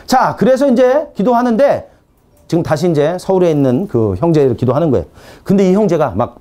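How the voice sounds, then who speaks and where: A male preacher with a high voice that leaps around as he talks. He tells animated stories from his ministry and acts out his commands, then drops to a low, quiet, firm tone when he orders spirits to stop. The sermon is lively and conversational. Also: brisk. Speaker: pastor teaching deliverance ministry.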